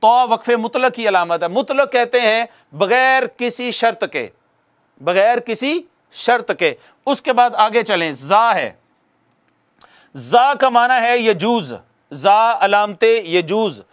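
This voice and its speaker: Male recitation teacher from Pakistan, high-pitched, patient, repeats himself for emphasis. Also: lively intonation, slow pace, a bit bright. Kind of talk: video lesson to viewers.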